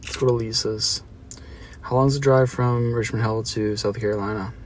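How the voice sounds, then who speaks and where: A man's voice: fairly low pitch, steady tone, normal speed. A Canadian man chatting playfully with viewers during a livestream. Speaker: livestream host. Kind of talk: casual chat with viewers. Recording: distant mic with street noise.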